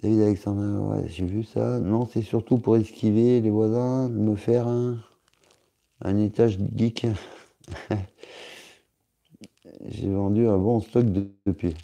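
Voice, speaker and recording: A man's voice: fairly low pitch, steady tone, slow pace, vocal fry, long pauses, mellow. A man chatting casually on a live stream, answering his chat in a rambling, joking way with many hesitations.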